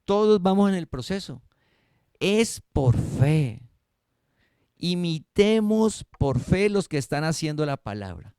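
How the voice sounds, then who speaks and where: A man's voice: a little high, big pitch swings, takes it slowly, clear, resonant tone. A man preaching a sermon, asking the congregation questions and answering them himself. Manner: preaching with rhetorical questions, swings between loud and soft. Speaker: pastor. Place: church service streamed online.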